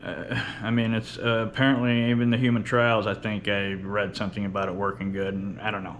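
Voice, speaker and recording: A man with a fairly low voice rambles through a casual workout vlog. He speaks with a lisp and whistling s, blunt and full of swearing. There is faint room noise behind him. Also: level tone, brisk, a bit bright. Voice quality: lisp with whistling s, from missing top teeth. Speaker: workout vlogger. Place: indoor home workout space with running fridge.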